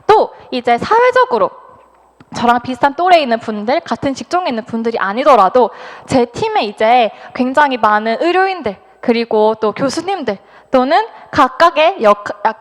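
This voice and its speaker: A woman in her twenties giving a personal business testimony, animated and acting out her own quoted thoughts. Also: high voice, big-room sound. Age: 20s. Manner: animated, acts out quoted thoughts, laughs often. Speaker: business speaker.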